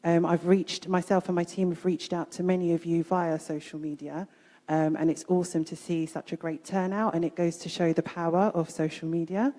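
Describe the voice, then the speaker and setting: Woman panelist, low and mellow, upbeat with many "um"s, reverberant hall. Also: level tone, moderate pace. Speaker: panelist, event founder. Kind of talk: panel self-introduction. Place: event hall.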